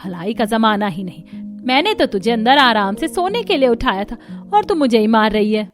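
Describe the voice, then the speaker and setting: A woman voicing a scolding, dramatic older mother-in-law who exclaims loudly in a cartoon story. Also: a little high, expressive, normal speed, soft background music, close to an everyday voice.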